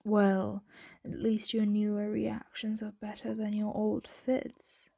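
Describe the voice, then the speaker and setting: Voicing a doting, possessive female dragon for intimate ASMR, a woman keeps her tone soft and unhurried and often lapses into a whisper. The delivery is completely flat and creaky at a medium pitch, captured in clean, dry studio sound, with a puzzled, fond mood.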